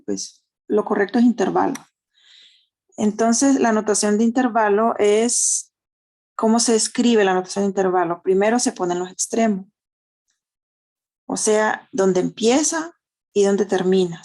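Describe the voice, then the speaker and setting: A woman's voice: mid-range voice, creaky, darkish tone. A woman with a Honduran Spanish accent teaching a math class online, explaining step by step and checking in with tag questions. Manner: uses diminutives.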